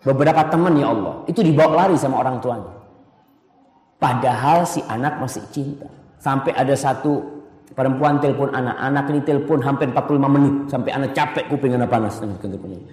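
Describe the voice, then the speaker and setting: A man preaching a sermon, telling stories with acted quotes and swinging from loud outbursts to hushed asides. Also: medium pitch, quick pace, recorded from a distance. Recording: echoey hall.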